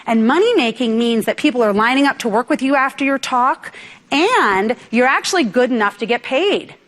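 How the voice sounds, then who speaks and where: Lively woman speaker from New York. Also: fairly high pitch, normal speed. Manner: lively, asks the audience questions. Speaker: business speaker. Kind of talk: motivational talk to a live audience. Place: event room with audience.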